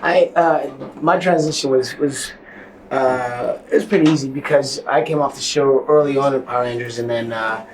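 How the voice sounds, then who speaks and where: A man, an actor on a convention panel, speaking easygoing with "uh" pauses. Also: medium pitch. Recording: roomy distant mic with faint noise.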